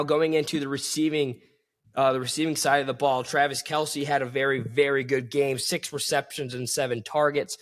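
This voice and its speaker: A man's voice: medium pitch, fairly bright tone. A man hosting a solo sports podcast, talking with enthusiasm and calling his listeners folks.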